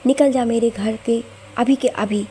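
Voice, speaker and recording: A woman's voice: a little high, steady tone, unhurried, warm tone, a little hiss or hum, lightly acted. A woman voicing a stern older mother-in-law who gives commands to the household.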